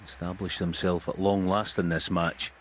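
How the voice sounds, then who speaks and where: A man with a deep, low-pitched voice offers analysis as a snooker co-commentator. He talks in an informal, matter-of-fact way. Faint venue noise runs underneath. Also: flat delivery, moderate pace. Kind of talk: analytical sports commentary, conversational.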